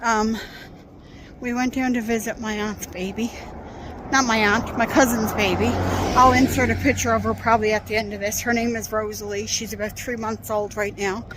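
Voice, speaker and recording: A woman's voice: fairly high pitch, fairly even intonation, moderate pace, a bit bright, a little hiss or hum. A woman from Nova Scotia, chatting casually in a vlog, rambling with fillers, recorded on a phone while out walking and at home. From Nova Scotia, Canada. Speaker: vlogger. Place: outdoors walking, then at home desk.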